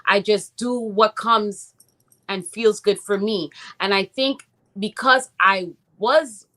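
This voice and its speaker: Born in Trinidad and raised in Toronto, a woman recording artist talks about her music in a casual interview. Her mid-range voice is pushed and bright, moving at a slow pace. She's reflective and thoughtful, filling her answers with "um" and "you know."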